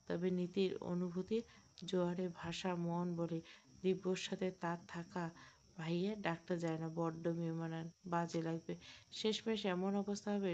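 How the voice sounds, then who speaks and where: A woman narrating a romantic audio story in a steady storytelling read. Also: on the low side. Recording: dull lo-fi recording.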